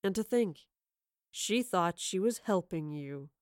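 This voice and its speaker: A woman voicing a cruel, sly male villain who taunts in slow, purring, gloating tones. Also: lowish voice, expressive, dry recording, studio quality. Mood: taunting.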